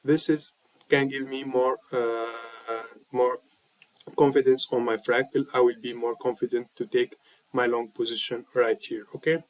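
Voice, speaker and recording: A man's voice: mid-range voice, level tone, measured pace, no echo, poor audio. Slightly sick man teaching chart patterns. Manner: repetitive, checks in with "okay?". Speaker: trading mentor. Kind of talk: chart walkthrough lesson.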